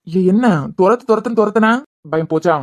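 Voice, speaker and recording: A man's voice: sits high, a little fast, over music, natural voice. A man with a Kanyakumari Tamil accent voicing an affectionate young husband in a cartoon web series, teasing and reassuring.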